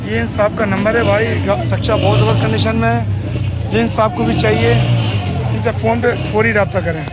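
A man's voice: steady tone, normal speed. A man with a Pakistani Urdu accent, vlogging from an outdoor market and talking up each deal to his viewers. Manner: upbeat, pitches deals to viewers. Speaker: vlogger interviewing rickshaw sellers. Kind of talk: on-the-spot market vlog. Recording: loud market crowd and traffic noise.

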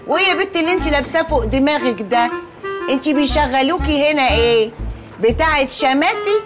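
Brash Egyptian auntie, high voice, meddling and teasing, sitcom mix with music bed. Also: female voice, expressive, fast. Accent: Egyptian Arabic. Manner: brash, teasing, folksy rhyming quips. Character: loud meddling working-class auntie, middle-aged. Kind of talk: TV comedy acting. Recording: TV soundtrack with music underneath.

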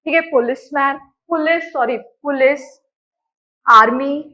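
High-voiced woman teaching grammar. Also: takes it slowly, sharp tone, lo-fi sound. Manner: asks the class questions and answers them herself; repeats "ठीक है" to check understanding. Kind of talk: exam-prep grammar lecture.

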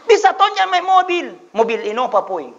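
A male preacher, his voice very high and bright. He tells stories in a chatty way, then lifts into loud exhortation. The audio is dull and lo-fi. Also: very animated, moderate pace. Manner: storytelling, shifts between chatty asides and loud exhortation. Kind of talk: humorous sermon.

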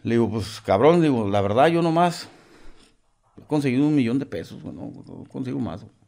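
A man's voice: mid-range voice, animated, a little fast, creaky, a little mellow. A middle-aged man from Mexico with a Mexican accent, a podcast guest telling a story in casual, profane slang and acting out the other voices.

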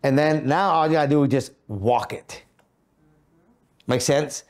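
In a medium-pitched voice and at a slightly slow pace, a co-host in his fifties gives a motivational podcast talk about goal setting from an office meeting room. His manner is earnest coaching, heavy on rhetorical questions.

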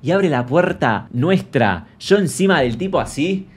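A man's voice: fairly high pitch, lively intonation, measured pace, slightly rough. A man in his thirties with an Argentine accent, telling stories and reading viewer anecdotes on a livestream in a campy, playful, crude way. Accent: Argentine Spanish. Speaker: streamer.

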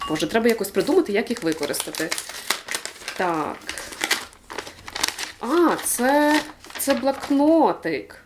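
A young woman vlogging from home as she unboxes a gift, chatty and thankful, often pausing with fillers. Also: medium pitch, a little hiss or hum. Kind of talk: casual unboxing chat. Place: home room.

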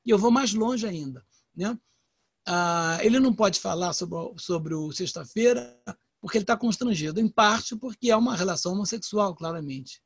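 An older man with a Brazilian Portuguese accent giving a relaxed online poetry lecture, talking conversationally with many "né?" tags and restarts. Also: sits high, husky, no room sound. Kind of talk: informal literary lecture.

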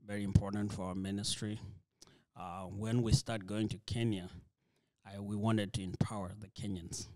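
A ministry leader appearing as a guest in a church interview speaks softly in a flat, low voice. Dinka is his first language, and his talk is halting, full of fillers and restarts. The recording is dry.

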